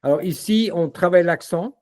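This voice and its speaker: A man demoing a language-learning platform in a casual walkthrough, relaxed and full of fillers. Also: high voice, fairly quick. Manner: relaxed, repeats words, many fillers.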